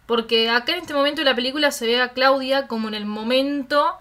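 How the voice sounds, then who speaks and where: A woman's voice: high voice, fairly quick, a bit bright. A young woman with an Argentine accent, chatting casually about a film with a friend and chiming in with agreement. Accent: Rioplatense Spanish. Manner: agreeing interjections, calls her friend boluda. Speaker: film discussion co-host.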